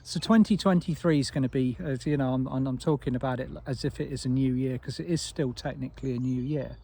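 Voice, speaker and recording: A man giving an unscripted spiritual talk as a teacher, soft and meandering with frequent restarts. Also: medium pitch, fast, vocal fry.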